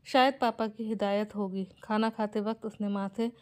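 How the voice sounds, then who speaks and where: A woman narrating an emotional family moral story in a gentle, scripted way. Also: mid-range voice, flat delivery, normal speed, clean tone.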